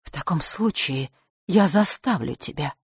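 A woman voicing a commanding queen who speaks calmly and firmly. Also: deep voice, breathy edge, dry recording, studio quality, exaggerated voice. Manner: calm, firm, measured. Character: calm commanding female queen.

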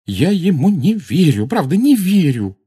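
A frightened, agitated teenage schoolgirl from a storybook, as a man puts her on, her voice jumps high and shrill with a husky grain. She swings widely in pitch. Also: sing-song, measured pace, warm tone, exaggerated voice.

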